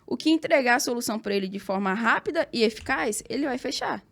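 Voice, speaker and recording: A woman's voice: a little high, lively intonation, fast, creaky. A woman with a Brazilian accent, a podcast guest giving direct, emphatic advice. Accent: Brazilian Portuguese. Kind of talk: casual podcast chat.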